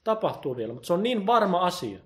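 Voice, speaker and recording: Man, preacher, sermon, impassioned, slightly high voice, swings loud to hushed. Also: very animated. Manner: impassioned, swings from loud emphasis to quiet intensity; quotes God in first person.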